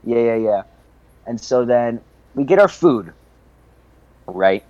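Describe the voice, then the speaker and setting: A young man hosts a casual podcast and tells a story. His voice swings widely in pitch. He swears freely and laughs through the telling, with a mid-range voice. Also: takes it slowly, dry recording, dull audio. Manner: animated, profane, laughing storyteller. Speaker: podcast host.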